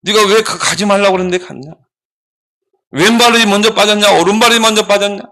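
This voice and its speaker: A man's voice: on the high side, animated, fairly quick, sharp tone, pitched below the performer's own voice. A man playing a stern Confucian passer-by who scolds with reproachful questions, in a sermon story. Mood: scolding.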